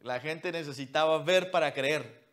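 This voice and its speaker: Fiery preaching man, fairly high voice. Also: measured pace. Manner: preaching with sweeping shifts between loud emphasis and near-whisper; mocks what churchgoers say in a whiny put-on voice. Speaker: pastor. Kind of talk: sermon.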